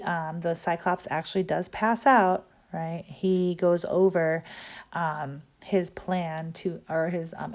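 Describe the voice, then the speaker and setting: A woman teacher explaining a text in a recorded lesson, often pausing with "um" and checking in with "right?". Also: fairly low pitch, a little mellow.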